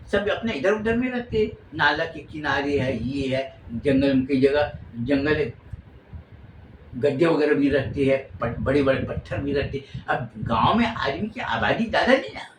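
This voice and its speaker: A man's voice: on the high side, echoey room, background noise. A man casually telling a long story in spoken style, rambling and often repeating and recapping himself.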